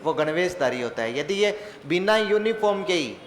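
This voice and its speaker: Joking teacher, echoey room. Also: male voice, high voice, lively intonation, normal speed. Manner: joking, mock-dramatic asides; asks questions and answers them himself. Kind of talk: online exam-prep class. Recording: echoey room with faint ambient noise.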